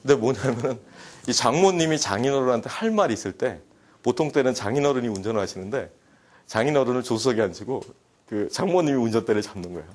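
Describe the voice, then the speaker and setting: Fast, lively male lecturer. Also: mid-range voice. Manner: animated, jokey, acts out quoted dialogue. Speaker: university lecturer. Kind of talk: humorous psychology lecture.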